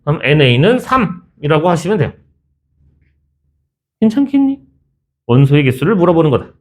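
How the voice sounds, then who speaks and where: Male math teacher, lively and teasing, fairly high voice, classroom lecture. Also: moderate pace. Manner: chatty, teasing, switches between formal and casual speech.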